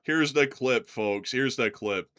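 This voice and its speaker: A man hosting a live stream with casual, jokey and animated banter. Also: medium pitch, takes it slowly.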